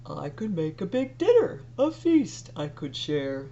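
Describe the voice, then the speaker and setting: A woman voicing a kindly, humble bear in a children's storybook, with drawn-out, plaintive exclamations. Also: on the low side, big pitch swings, dark tone, dull audio, slight background noise. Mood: downcast.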